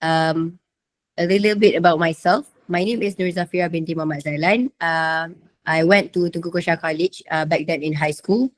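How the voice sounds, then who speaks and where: A woman's voice: on the low side, steady tone, normal speed. A young woman with a Malaysian accent, sick with a sore throat and fever, giving a hesitant, informal slide presentation as a student. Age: young adult.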